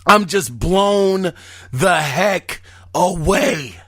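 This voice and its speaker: Hoarse and excitable, a man hosts a casual podcast monologue and shouts often. His voice sits very high for a man, bright and cutting, and he speaks slowly, drawing his words out.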